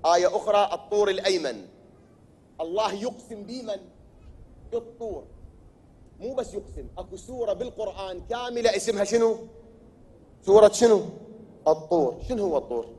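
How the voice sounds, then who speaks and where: A high-pitched male preacher with an Iraqi accent delivers a sermon. He keeps asking his listeners questions and answering them himself. He sometimes builds up to loud, forceful declaiming. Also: expressive, a little fast, long pauses, breathy edge. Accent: Iraqi Arabic. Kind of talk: religious sermon.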